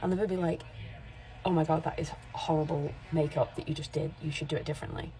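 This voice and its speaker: In a candid vlog with poor audio, a woman in her forties who makes content and does makeup talks quickly into the camera. Her voice is mellow, relaxed and a touch low, and her points come out in rambling, self-correcting bursts.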